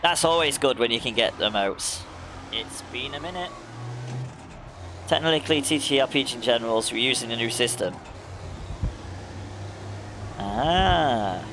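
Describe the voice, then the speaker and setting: A man's voice: mid-range voice, animated, moderate pace, pauses often, noisy background. A young man streaming a racing game, chatting casually, laughing often and addressing viewers by name. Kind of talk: casual chat while gaming.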